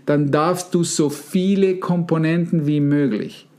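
A man hosts a podcast in a casual coaching style, stringing together rhetorical questions for his listeners. His voice sits a little high for a man yet sounds dark and mellow. He addresses the audience affectionately. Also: fairly even intonation, unhurried. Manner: addresses listeners warmly as "ihr Lieben". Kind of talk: casual podcast talk on mindset.

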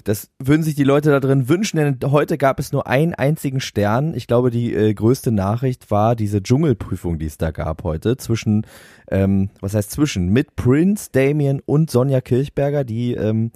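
A man's voice: mid-range voice, normal speed, warm tone, no room sound. A man co-hosting a podcast, chatting in a dry, teasing, mock-solemn way. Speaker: podcast co-host. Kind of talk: casual gossip chat.

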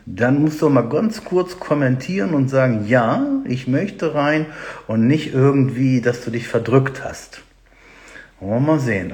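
Male fitness host, live-stream chat, animated and direct, mid-range voice. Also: mid-range voice. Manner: lively, explanatory, addresses viewers directly. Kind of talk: live-stream talk to viewers.

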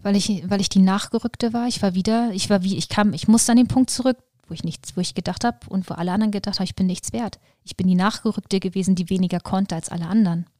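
A woman, a podcast guest, telling her life story in lively conversation with many fillers and restarts. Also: medium pitch, fast, hardly any pauses, dry recording, studio quality.

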